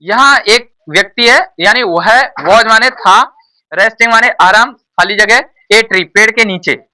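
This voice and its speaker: A male tuition teacher walks a class through an exam paper, repeating each point and tossing questions back at the pupils. His voice is bright and forward. It is caught from a distance in the classroom, so it sounds a little far from the mic. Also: high-pitched, unhurried. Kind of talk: classroom exam-prep lesson.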